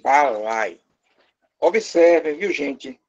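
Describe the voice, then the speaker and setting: A man's voice: a little high, expressive, very slow, muffled recording. Brazilian male teacher, patient step-by-step explainer, quizzes the class, a little teasing. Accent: Brazilian Portuguese. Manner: lightly teasing, joking with the class. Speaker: language teacher. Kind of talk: live class lesson.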